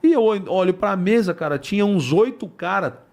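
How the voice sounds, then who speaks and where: An older man tells a police story as a podcast guest. His voice sits a bit high for a man, and he acts out each person in the dialogue with casual swearing. He speaks from a podcast studio. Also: lively intonation, moderate pace, darkish tone.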